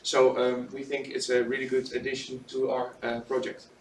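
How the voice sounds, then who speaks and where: A man's voice: mid-range voice, monotone, normal speed. An eighteen-year-old man presenting a student project, flustered, with many fillers and restarts. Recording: echoey room, distant mic, noise.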